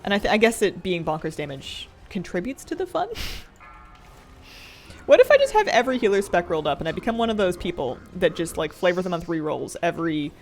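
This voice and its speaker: A woman with a lowish voice livestreams a game, talking fast with big pitch swings. She chats casually and playfully with her viewers and muses aloud while she plays.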